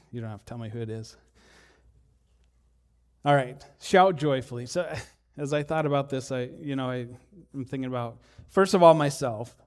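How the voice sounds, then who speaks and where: A man preaching a sermon in a church, speaking conversationally with rhetorical questions and frequent restarts, at times poking gentle fun at himself. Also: mid-range voice, normal speed, long pauses. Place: church hall. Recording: long hall reverb.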